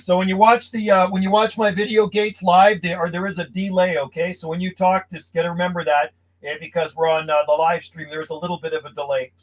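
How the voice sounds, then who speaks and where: Broadcasting from a small insulated shack set apart from the house, a CB radio host talks in a friendly, casual way. His high voice is flat and fairly quick with hardly any pauses, and the recording is rough.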